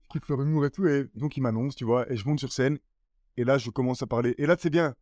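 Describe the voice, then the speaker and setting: A man with a Belgian French accent, a comedian telling stories about his stage flops in a casual podcast chat, self-mocking and animated. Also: mid-range voice, quick pace, dry recording, clean studio sound. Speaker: guest comedian.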